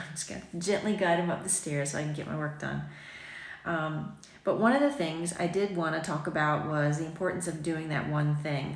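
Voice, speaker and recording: Chatting casually with viewers from a sunny kitchen, a woman in her forties who runs a boutique rambles along, full of ums and self-deprecating remarks. Her voice is low with a slight morning rasp. She talks into a phone held at arm's length, and the room lends a noticeable echo.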